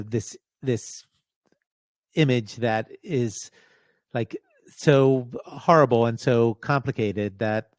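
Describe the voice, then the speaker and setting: Halting, grave middle-aged man. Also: medium pitch, a little mellow, no echo. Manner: halting, restarting, gravely searching for words. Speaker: guest, professor. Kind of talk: remote interview conversation.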